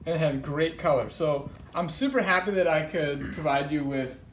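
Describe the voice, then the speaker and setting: Recorded off mic in a room with echo and background noise, a thirty-something guest coach in a filmed conversation explains eagerly and with emphasis, hammering key points. His voice is on the high side and moves at normal speed.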